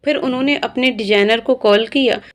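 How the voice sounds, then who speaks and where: A woman narrating a long family story in a steady, clear reading voice. Her pitch sits slightly high for a woman. She moves the story along evenly. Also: a little fast.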